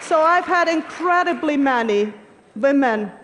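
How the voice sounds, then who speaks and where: On stage, a woman from Iceland in her 40s delivers a prepared conference talk with earnest emphasis. She sounds animated and unhurried in a high voice. Crowd noise fills the background, and a long hall reverb hangs over everything.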